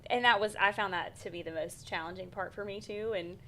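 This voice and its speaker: A woman's voice: mid-range voice, a little fast, pushed and bright, slight background noise. A woman in her thirties co-hosting a podcast, chatting casually with a giggly, self-deprecating manner. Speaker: podcast co-host.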